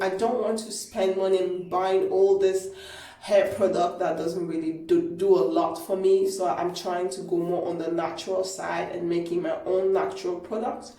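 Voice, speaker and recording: A woman talks casually to her viewers in a loose, rambling way, full of fillers and restarts. Her voice is soft and mellow. The sound is a low-quality phone stream that bounces around a small bathroom and is picked up from a distance. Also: reverberant. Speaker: hair care vlogger. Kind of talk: casual how-to vlog. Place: small echoey home bathroom. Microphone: mobile phone camera.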